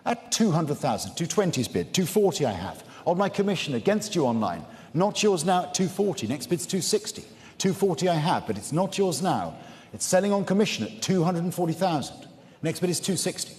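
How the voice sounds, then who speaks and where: High-voiced male fine art auctioneer, echoing hall. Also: big pitch swings, a little mellow. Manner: formal, measured repetition of bid figures. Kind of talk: live auction calling of bids. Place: large indoor auction room. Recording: echoey saleroom with long reverb, background noise.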